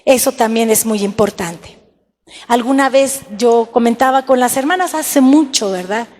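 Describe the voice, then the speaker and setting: A woman's voice: on the high side, moderate pace, a little mellow, long reverb tail. A woman pastor preaching a sermon in an emphatic way, asking the congregation rhetorical questions.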